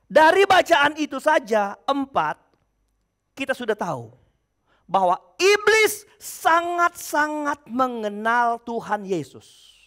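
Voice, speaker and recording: A male preacher with a high voice that swoops all over, preaching a sermon. He fires questions at the congregation and answers them himself. He jumps between loud shouted lines and quiet asides. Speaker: pastor.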